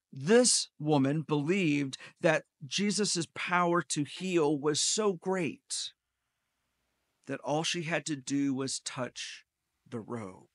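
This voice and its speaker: Slow, measured pastor preaching from the pulpit. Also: male voice, on the high side, a bit bright, no room sound. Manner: storytelling with dry humor. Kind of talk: sermon. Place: church sanctuary at a pulpit. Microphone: pulpit gooseneck mic.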